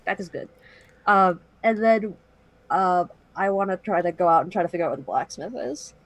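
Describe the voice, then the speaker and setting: A woman's voice: on the low side, normal speed, poor audio. A woman playing a tabletop game, chatting casually and role-playing in an informal, breezy way.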